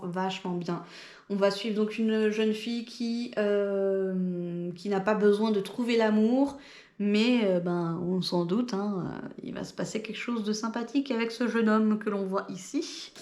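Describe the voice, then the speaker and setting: A woman's voice: a little high, reverberant. A woman chatting casually about the books she bought, hesitating often with fillers. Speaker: book vlogger. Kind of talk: casual book haul chat.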